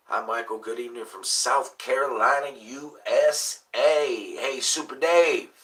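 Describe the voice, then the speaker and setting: A man's voice: medium pitch, bright, forceful tone, far from the mic, poor audio. A man in his late thirties hosting a livestream in casual chat, rambling and laid-back, with plenty of swearing. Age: late 30s. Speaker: livestream host.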